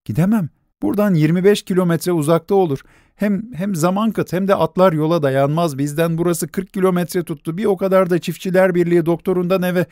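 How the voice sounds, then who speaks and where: A woman's voice: on the low side, fairly even intonation, fairly quick, few pauses, warm tone, no echo, clean studio sound, pitched above the performer's own voice, natural voice. A man voicing a desperate young wife who frantically begs a doctor to come. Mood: insistent. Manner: pleading, frantic, insistent.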